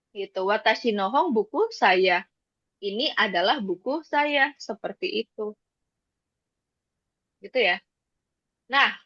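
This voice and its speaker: A woman teaches a class at a patient pace, repeating each point and asking the students whether they follow. Her voice is bright and a little higher than most. The recording is dull, dry and lo-fi. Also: dry recording. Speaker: Japanese teacher. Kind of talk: classroom lesson.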